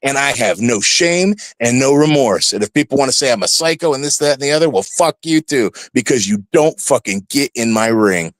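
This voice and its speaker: Man, former wrestler, blunt profane storyteller, lively pitch, dry close sound. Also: brisk, few pauses, no room sound. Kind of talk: casual podcast chat.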